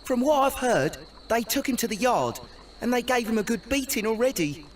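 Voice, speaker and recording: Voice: medium pitch, big pitch swings, normal speed, far from the mic, slight background noise, close to an everyday voice. An actor voicing a worried young street boy in a video game, urgent and pleading.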